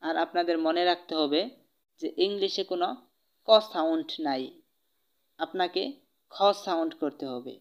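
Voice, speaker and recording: A Bengali-accented teacher drilling English words and example sentences in a slow, careful pronunciation lesson. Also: medium pitch, highs cut off.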